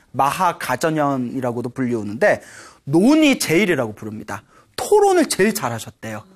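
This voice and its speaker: A monk giving a Buddhist dharma talk, telling a story and acting out its dialogue, often checking in with listeners. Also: male voice, fairly high pitch. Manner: lively storytelling, acts out dialogue; frequent rhetorical "예?" checks with audience.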